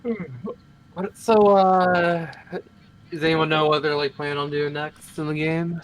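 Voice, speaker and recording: A man's voice: on the high side, little pitch movement, measured pace, smooth. A man chatting casually with fellow players on a live stream, loose, joking and enthusiastic. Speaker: tabletop game player.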